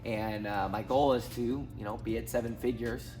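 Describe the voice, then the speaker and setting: Speaking at a moderate pace, this thirties-aged finance YouTuber from Southwest Missouri has a medium-pitched, steady, somewhat dark voice. Soft music plays under his casual talking-head vlog, which wanders with ums and false starts.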